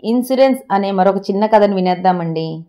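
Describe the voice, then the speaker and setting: A woman storyteller reading moral stories aloud in a measured, friendly manner. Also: mid-range voice, warm tone.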